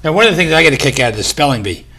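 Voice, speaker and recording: A man's voice: fairly high pitch, sing-song, very fast, sharp tone. Chatty man hosting a local show. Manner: chatty, enthusiastic questions. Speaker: local TV host. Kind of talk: casual interview.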